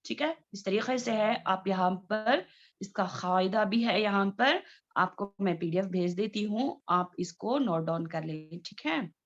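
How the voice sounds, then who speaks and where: Slow, patient woman teaching recitation. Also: medium pitch, muffled recording. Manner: patient, repeats words slowly as examples. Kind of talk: online class teaching.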